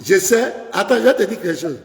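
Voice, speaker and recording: A pastor with a fairly high, gravelly voice argues insistently over a live call, repeating his phrases and reading scripture aloud. The sound is roomy, with a long reverb trailing each phrase. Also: lively intonation, fast talker. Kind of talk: heated live call-in debate. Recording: echoey room with long reverb.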